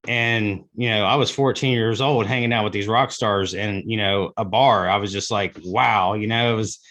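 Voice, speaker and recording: A man hosting a music interview, asking questions and sharing memories in a relaxed, conversational way. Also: lowish voice, normal speed. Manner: relaxed, conversational, says "you know" a lot. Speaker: interview host. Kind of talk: casual interview chat.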